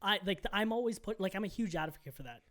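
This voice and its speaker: A young man co-hosting a podcast, telling a story in casual chat, animated and full of "like" and "bro". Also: high voice, fast. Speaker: podcast co-host.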